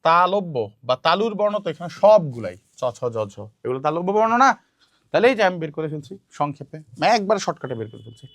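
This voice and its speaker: Male tutor, animated sing-song delivery, fairly high voice, repeats terms, quizzes students, dry close recording. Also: dry recording. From Bangladesh. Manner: repetitive, quizzing students with questions, mixes English words. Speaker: teacher. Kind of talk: exam-prep grammar lesson.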